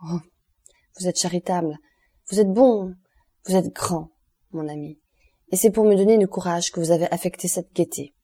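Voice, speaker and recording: A woman's voice: fairly low pitch, normal speed, long pauses, mellow, husky. A woman voicing an impulsive, grieving young man in an audiobook, speaking in a raised, emotional, exclaiming way. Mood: ardent.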